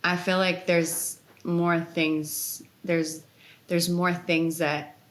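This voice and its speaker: Chatty woman in her thirties, low voice. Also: level tone, very slow, a bit bright. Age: 30s. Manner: chatty, rambling with many "like" fillers. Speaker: guest, dancer and choreographer. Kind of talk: casual podcast interview. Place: Los Angeles.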